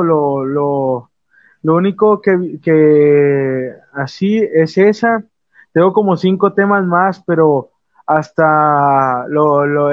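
Young man, halting and dull-sounding. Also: fairly high pitch, no room sound. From Mexico. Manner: hesitant, many restarts and fillers. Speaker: musician guest. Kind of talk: casual interview answers.

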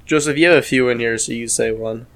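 A man co-hosting a casual podcast, delivering jokes flatly and stumbling over restarts. His voice sits in a middle range for a man. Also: medium pitch, quick pace. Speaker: podcast co-host. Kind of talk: casual chat.

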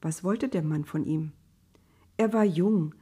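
A woman reads a storybook aloud with calm, measured narration. Her voice sits somewhat low. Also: husky.

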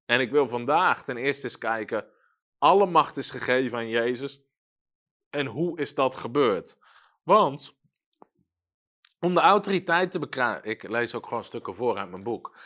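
A man preaching a sermon, his voice of middle pitch rising into forceful emphatic lines. Between the loud passages he drops into soft, quiet storytelling asides, so his delivery swings widely. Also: lively intonation, a little slow, pauses often.

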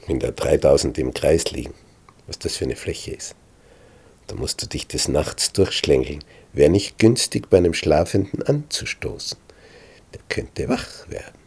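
A man retelling a Bible story with vivid asides, moving between hushed and loud narration. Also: very deep voice, expressive, measured pace, gravelly, slightly rough.

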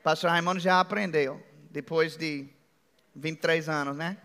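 A middle-aged man with an American accent, preaching a sermon as pastor in a joking, conversational way with drawn-out phrases. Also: fairly high pitch, steady tone, sharp tone. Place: church hall. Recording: long hall reverb.

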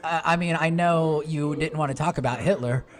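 A man's voice: a little high, moderate pace. A man, a comedian guest on a podcast, telling rambling stories with many fillers and frequent laughter. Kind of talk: casual comedy podcast chat. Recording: live venue with crowd chatter behind. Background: crowd chatter.

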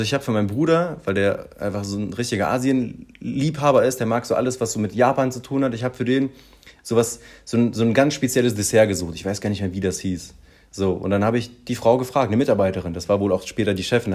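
A man telling an everyday story in casual chat, animated and full of fillers, acting out the people he quotes. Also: lowish voice, fast talker.

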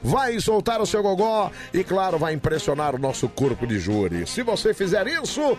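A playful Brazilian man hosting late-night radio with a campy, exclamatory flair. His fairly high voice swoops widely in pitch. Music plays clearly behind him. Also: big pitch swings, normal speed. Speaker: radio host. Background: music bed.

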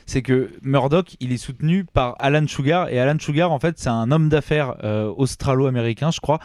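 A man's voice: medium pitch, moderate pace, darkish tone, no room sound. Male co-host, anecdotal storyteller, dry close recording. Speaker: podcast co-host. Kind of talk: casual football history chat.

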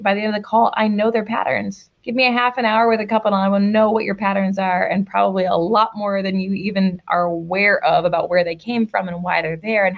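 A woman's voice: mid-range voice, dull audio. A woman relationship coach speaking as a guest in a casual interview, with a direct and emphatic coaching tone.

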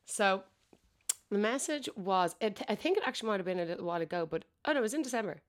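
A woman's voice: mid-range voice, lively intonation, quick pace. A woman co-hosting a true crime podcast, chatting playfully and reading listener messages aloud. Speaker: podcast co-host. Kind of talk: casual chat.

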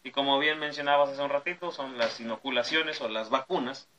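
A man's voice: mid-range voice, steady tone, brisk, sharp tone, lo-fi sound, slight background noise. A man, hosting a podcast and reading history notes between jokes with his friends. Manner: reads steadily, breaks into laughs at jokes. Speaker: podcast host.

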